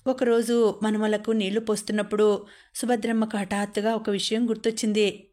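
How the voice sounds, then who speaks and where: A woman reading a novel aloud as an audiobook narrator, telling the story in a steady, even way. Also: medium pitch, a little fast.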